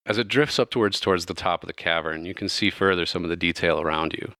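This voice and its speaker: Low-voiced casual game master man. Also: quick pace, bright, forceful tone, dry recording, studio quality. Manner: casual, loose, with many fillers. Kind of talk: narrating a tabletop game.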